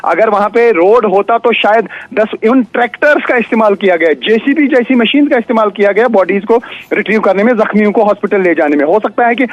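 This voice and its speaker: Male field reporter phoning in, dry and muffled line, measured and explanatory. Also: high voice, no room sound. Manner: measured, explanatory, frequent "uh" fillers. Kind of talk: news phone-in report. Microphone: phone line.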